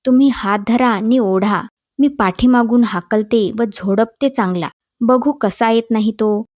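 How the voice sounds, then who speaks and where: A stern village mother scolds her son firmly in a storybook reading, put on by a woman reader. The voice sits a little high. It is recorded dry and sounds dull. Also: measured pace, a little mellow, no echo, close to an everyday voice. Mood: scolding. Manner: firm, scolding.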